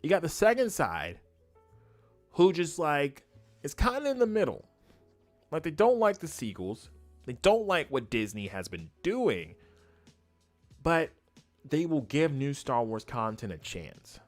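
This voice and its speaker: Animated, emphatic man livestreaming opinions. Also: on the high side, unhurried, long pauses, soft background music. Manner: emphatic, repeats phrases. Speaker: YouTube host and streamer. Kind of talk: casual opinionated livestream commentary.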